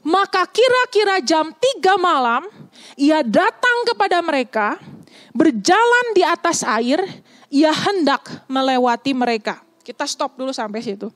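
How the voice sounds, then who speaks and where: A young adult woman preaching a sermon in a conversational, lively way, often asking the congregation questions. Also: sits high, measured pace.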